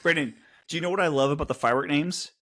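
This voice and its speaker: A man co-hosting a laid-back podcast, animated and quick to laugh, who often breaks into silly put-on voices. His voice sits fairly high for a man. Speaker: podcast co-host. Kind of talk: casual chat.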